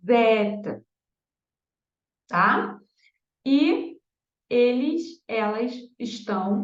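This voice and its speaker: A woman French teacher leads a beginner lesson and speaks slowly and patiently, repeating each word for learners. Her voice sits in a roomy, echoing space. The recording sounds dull and lo-fi. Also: mid-range voice, a little mellow. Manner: slow, repeats words for learners.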